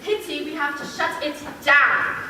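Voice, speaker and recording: A woman's voice: fairly even intonation, moderate pace, pushed and bright, slight background noise. A young woman playing a haughty rich patroness. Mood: smug. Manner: shrill, theatrical outbursts. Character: wealthy haughty female arts patron. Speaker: stage actor in a school musical. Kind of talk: stage musical acting. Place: school auditorium stage. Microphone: distant room mic. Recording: echoey hall heard from far off.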